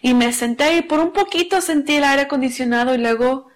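Young woman giving a church sermon, kinda high voice, lots of "um"s, earnest and chatty. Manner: earnest, conversational, many "am" fillers and restarts; slows to read scripture aloud. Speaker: preacher. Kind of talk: Wednesday service sermon.

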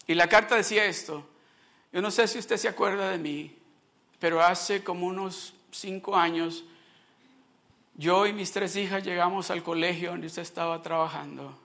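A man's voice: high-pitched, steady tone, normal speed, gravelly, bright, forceful tone. A middle-aged man giving a sermon testimony, telling a personal story and slipping in English phrases.

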